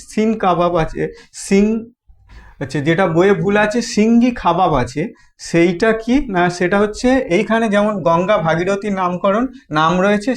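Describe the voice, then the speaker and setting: A man with a Bengali accent teaching a history lesson, asking questions and answering them himself, with many repeats and restarts. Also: high voice. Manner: halting, restarts phrases.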